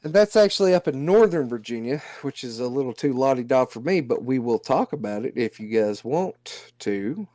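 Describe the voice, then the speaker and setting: A man holds the stream with loose, profane chatter, sounding dry and close to the mic. His pitch sits in an ordinary middle range, and the talk shifts between banter with viewers and reading a legend aloud. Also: animated, normal speed, few pauses, mellow, no echo. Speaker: livestream co-host. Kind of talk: casual livestream chat.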